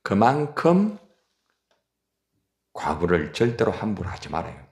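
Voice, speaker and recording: A man's voice: on the low side, very animated, a little slow, a little mellow, echoey room. A man preaching as a pastor at an early-morning church service, emphatic and often putting questions to the congregation. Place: church sanctuary.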